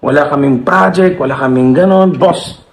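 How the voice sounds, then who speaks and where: A man's voice: fairly high pitch, normal speed. A man in his thirties from the Philippines, ranting emphatically in a vlog, calling his viewers boss and slipping into English. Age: 30s. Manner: emphatic, keeps addressing listeners as boss, mixes in English. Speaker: blogger. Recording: roomy echo.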